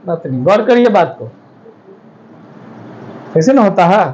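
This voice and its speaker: A man's voice: high-pitched, very animated, slow pace, a little mellow, dull audio. A man teaching a classroom lecture, explaining step by step and often checking that the students follow.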